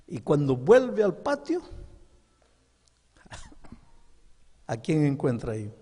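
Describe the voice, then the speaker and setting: A male pastor preaching a sermon, telling a story in an animated, dramatic way. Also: a little high, very slow, husky. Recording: long echo of a large hall.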